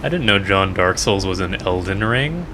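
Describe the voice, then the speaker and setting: A man's voice: low-pitched, lively intonation, moderate pace, noisy background. A man streaming a game, chatting playfully and joking to himself as he plays. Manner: playful, jokey, talking to himself. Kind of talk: casual gameplay commentary.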